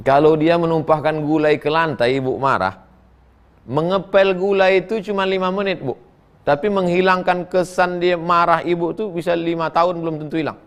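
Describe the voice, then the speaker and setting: A middle-aged man preaching, reading listeners' questions and answering them in a folksy, joking way, his voice swinging between high and low as he acts out quotes. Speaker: Islamic preacher. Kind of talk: sermon answering read-out questions.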